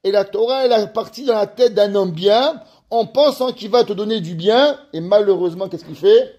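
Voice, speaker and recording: Male rabbi giving a Torah class, animated storyteller, voice on the high side. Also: normal speed. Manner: lively storyteller, reads Hebrew passages aloud. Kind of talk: ethics lesson with a told story.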